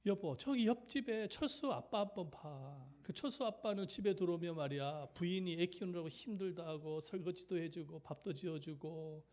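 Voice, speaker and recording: A preacher doing a fed-up young wife, complaining and pleading, brief role in a sermon story. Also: male voice, high voice, moderate pace, few pauses, darkish tone, lightly acted. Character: exasperated young wife, tired from childcare.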